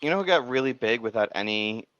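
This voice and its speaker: A man's voice: mid-range voice, animated, fast, fairly bright tone, no room sound. A man in casual podcast chat, earnestly explaining things at length. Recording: dry, slightly dull close mic.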